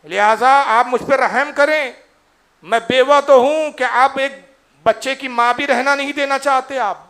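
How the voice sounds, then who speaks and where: A male preacher doing an anguished widowed mother, her pleas climbing to a high, strained cry. The voice sits well above the usual male range and keeps pressing upward with emotion. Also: a bit bright. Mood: pleading.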